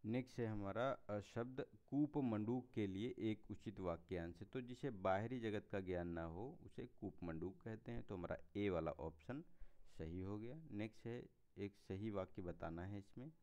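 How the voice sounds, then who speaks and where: In a lowish, darkish voice and without hurrying, a man goes through exam answers, explaining each step by step. He moves on with set phrases, repeating "theek hai" and "next hai," on slightly dull lo-fi audio.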